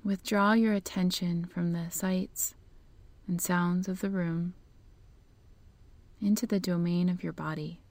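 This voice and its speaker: A woman leading a guided meditation in a slow, soft voice that often drops into a whisper. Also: fairly low pitch, steady tone, dry recording.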